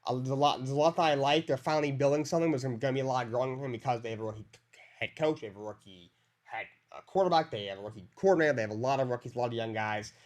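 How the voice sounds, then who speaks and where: A man's voice: mid-range voice, very fast, a little mellow. A man co-hosting a casual sports podcast, reading out matchups and giving his picks.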